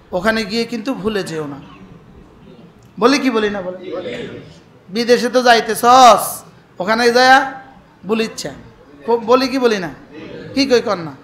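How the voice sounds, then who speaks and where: A man's voice: sits high, fairly bright tone, reverberant. A man preaching a fervent waz sermon, calling out questions for the crowd to answer. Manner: fervent, call-and-response with the crowd. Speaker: Islamic preacher. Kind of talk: emotional Bengali waz sermon.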